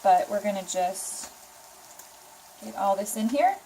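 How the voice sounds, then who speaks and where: A woman talks through a recipe in a chatty, explanatory way at a middling pitch. It is a casual home kitchen demonstration, with the clear noise of frying and stirring behind her voice. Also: expressive, unhurried, dark tone, poor audio. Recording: sizzling pan noise behind the voice. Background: frying and stirring sounds.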